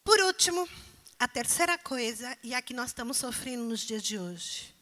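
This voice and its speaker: A woman's voice: fairly high pitch, expressive, moderate pace, sharp tone. A woman preacher delivering a sermon, pressing the congregation with emphatic rhetorical questions.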